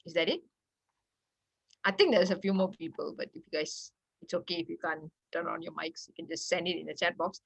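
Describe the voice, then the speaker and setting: A woman's voice: on the low side, fairly quick, gravelly, breathy edge, no room sound. A woman hosting an online workshop over a video call, chatty and laughing often. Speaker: workshop facilitator.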